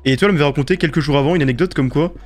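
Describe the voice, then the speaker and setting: Young french guy talking super fast, mid-pitched, slangy gamer chat, faint music. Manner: rapid, chatty, slangy. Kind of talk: casual chat while gaming.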